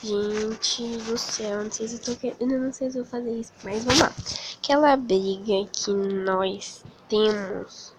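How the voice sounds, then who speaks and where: A woman hosting a casual vlog, talking nervously and slowly reading out her messages as she types them on a phone. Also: a little high, fairly even intonation, background noise. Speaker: channel host. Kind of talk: casual vlog commentary while texting.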